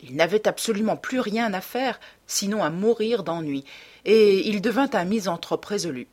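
A woman reading the part of a cynical, self-assured young man in an audiobook, in a smooth, detached way. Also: medium pitch, lively intonation, normal speed, darkish tone, lightly acted. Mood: coolly musing. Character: cold, cynical young male dandy.

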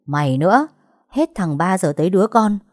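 A woman's voice: lowish voice, sing-song, normal speed, no echo, clean studio sound. A woman voicing a harsh, furious old grandmother who scolds her family. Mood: scolding. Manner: scolding, sharp-tongued.

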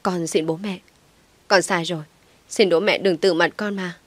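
A woman's voice: fairly low pitch, fairly even intonation, normal speed, no echo, natural voice. A woman voicing a guilt-ridden young woman who pleads through sobs, in a storybook reading. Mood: pleading. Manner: pleading, sobbing.

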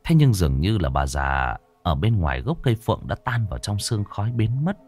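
A man narrating a horror story in a dramatic, expressive way. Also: lowish voice, fairly quick.

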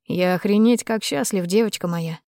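Woman reading a soft-spoken possessive man for a romance audiobook, low, quiet, dry sound. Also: normal speed, no room sound, lightly acted. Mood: playful. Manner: low, hushed and gentle. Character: tender, possessive male businessman lover.

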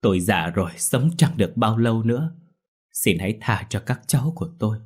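A man's voice: lowish voice, expressive, a little fast, breathy edge. A man voicing a grieving old grandmother in an audio ghost story, wailing and pleading.

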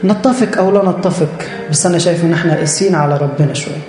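A man's voice: fairly high pitch, very fast, darkish tone, reverberant, soft background music. A man with an Egyptian Arabic accent preaching a church sermon, earnest and direct, repeating phrases for emphasis.

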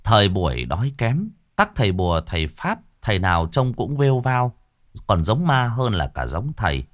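A man narrating a Vietnamese village ghost story in a vivid, expressive storytelling manner. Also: on the low side, normal speed.

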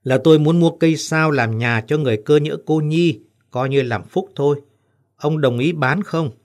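A man's voice: fairly high pitch, normal speed, voice pushed up, close to an everyday voice. A man voicing a hasty, worried middle-aged village husband in an audiobook story. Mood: urgent.

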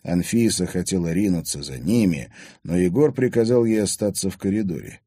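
Low-voiced male audiobook narrator. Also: brisk, breathy edge, dry recording, studio quality. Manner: expressive storytelling. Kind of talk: scripted narration.

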